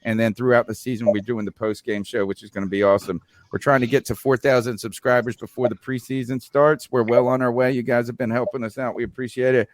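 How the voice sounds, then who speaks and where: A man's voice: medium pitch, flat delivery, fast talker, hardly any pauses, no echo. A man hosting a fan podcast in a loose, joking, rambling casual chat. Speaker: podcast host.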